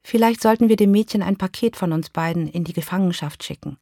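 Woman doing a deadpan ex-husband, lowish voice, dry close sound, storybook. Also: fast talker, creaky, dry recording. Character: dry, deadpan ex-husband, middle-aged man.

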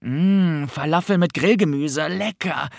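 A man doing an excitable, food-loving boy. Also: on the high side, a little slow, vocal fry, no echo, clean studio sound, pitched above the performer's own voice. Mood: delighted.

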